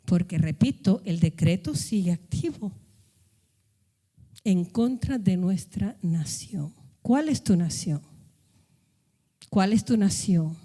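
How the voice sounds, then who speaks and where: A woman pastor preaching a sermon in a church hall, pressing her listeners with rhetorical questions and sudden raised calls. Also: sits high. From Latin America. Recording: long hall reverb.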